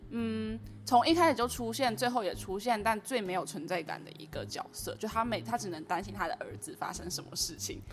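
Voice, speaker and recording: A woman's voice: on the high side, brisk, few pauses. A young woman with a Taiwanese Mandarin accent, chatting casually as a panelist on a book podcast. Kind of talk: casual chat. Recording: music behind the talk.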